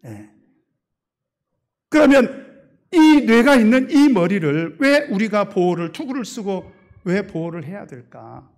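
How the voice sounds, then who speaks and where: A male pastor preaching a sermon emphatically. He swings between loud and soft and asks the congregation rhetorical questions. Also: sits high, sing-song, unhurried, pauses often. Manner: leads congregational reading.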